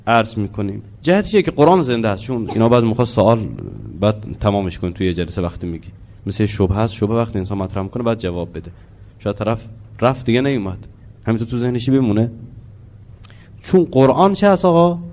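A man teaching a religious lesson on the Quran. He explains slowly, asks the listeners questions and chants Arabic verses in a drawn-out voice. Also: mid-range voice, mellow.

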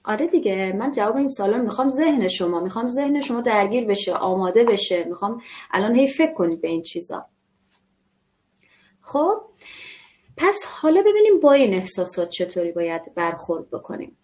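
A woman's voice: medium pitch, big pitch swings, darkish tone. A woman giving a live online parenting class in a conversational manner, often putting rhetorical questions to her listeners. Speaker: parenting instructor.

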